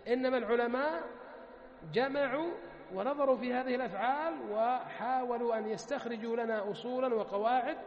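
A man teaching Arabic grammar one-on-one, patiently quizzing his student with repeated questions and drawing out word forms slowly. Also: sits high. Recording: muffled, echoey room with long reverb.

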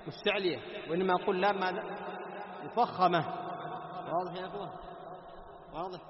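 A man teaching a Quran recitation class, questioning his students and answering himself. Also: high-pitched. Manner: chants Quran verses slowly as examples. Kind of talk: classroom lesson on tajweed. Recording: echoey hall, dull lo-fi, background noise.

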